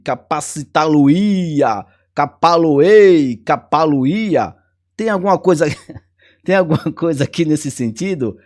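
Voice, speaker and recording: A man with a Brazilian Portuguese accent leads a casual exam-prep lesson. His voice sits a little high, and he keeps it chatty and joking, repeating key words to drive them home. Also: a little mellow.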